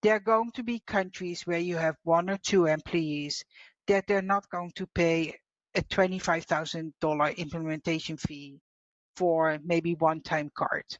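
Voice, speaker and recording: Female podcast co-host, lowish voice, dry, slightly muffled lo-fi sound, measured. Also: steady tone, no echo. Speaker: podcast co-host, payroll professional. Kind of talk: casual podcast conversation. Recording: slightly dull lo-fi audio.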